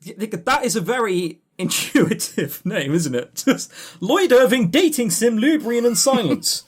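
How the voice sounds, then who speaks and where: A male podcast co-host with a high-pitched, breathy-edged voice speaks at a measured pace with big pitch swings. He rambles through award lists in casual chat, swearing casually and using dry, sarcastic humour.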